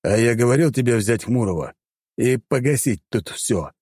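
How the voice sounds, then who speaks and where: A man's voice: mid-range voice, animated, normal speed, darkish tone, husky, no echo, voice pushed up. A man voicing a sarcastic, grinning male war buddy with a mocking, crude manner in an audiobook.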